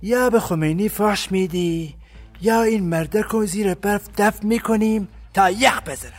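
A man's voice: high voice, faint music behind. An actor playing a harsh, bullying interrogator who taunts his prisoners in a radio drama. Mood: threatening. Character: harsh male rebel interrogator.

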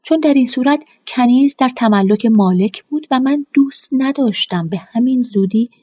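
A woman narrating a first-person story in a calm, measured way. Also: high voice, no room sound. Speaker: audiobook narrator.

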